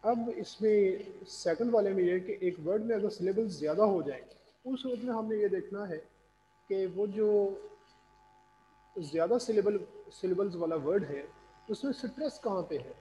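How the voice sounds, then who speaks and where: A man's voice: sits high, expressive, normal speed, dark tone. Man teaching online in a roomy echo. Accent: Pakistani. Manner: patient, quizzes students. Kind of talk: online class lecture. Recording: roomy reverb, faint noise.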